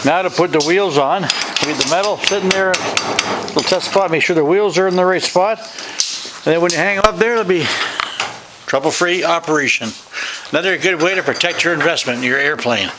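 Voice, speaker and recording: A man's voice: fairly high pitch, a little fast. Folksy older man on noisy camera. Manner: chatty, folksy, joking about his own work. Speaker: hobby pilot building hangar doors. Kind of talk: casual how-to narration while working. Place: outdoors at a farm hangar. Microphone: handheld or head camera mic. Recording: noisy outdoor camera audio.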